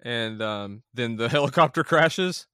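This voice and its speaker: A man's voice: mid-range voice, expressive, unhurried, fairly bright tone. A man in a casual movie discussion, bluntly recapping scenes and swearing. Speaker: podcast co-host.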